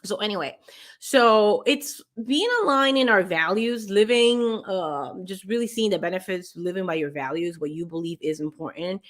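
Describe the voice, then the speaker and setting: A woman's voice: medium pitch, moderate pace. A woman vlogger earnestly sharing her motivation habits in casual talk to camera, with many restarts and fillers. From grew up partly in Peru.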